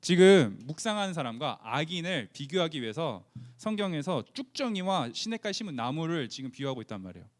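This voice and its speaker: Lively conversational youth pastor, a man. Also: on the high side, fairly quick. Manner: asks the listeners questions and answers them himself; acts out the Bible figures' lines in casual speech.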